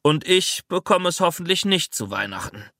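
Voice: mid-range voice, very animated, moderate pace, bright, forceful tone, dry recording, voice pushed up. A reader voicing a stern, dismayed father in a children's audiobook, dry and stern.

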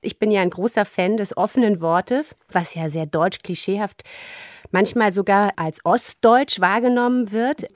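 A woman's voice: mid-range voice, moderate pace, dry recording, studio quality. A woman from East Germany hosting a radio program, asking engaged, articulate questions and moderating. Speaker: radio host.

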